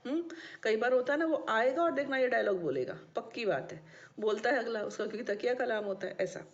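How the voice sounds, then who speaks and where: A woman's voice: a little high, animated, a little fast. A woman teaching a maths lesson to students, often checking that they have understood. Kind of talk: classroom lecture. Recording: dull lo-fi recording.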